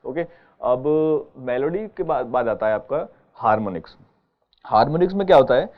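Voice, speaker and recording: A man's voice: mid-range voice, expressive, moderate pace. Patient keyboard teacher, man. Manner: patient, explaining step by step with frequent check-ins. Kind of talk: online music lesson. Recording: dull lo-fi sound with keyboard playing behind.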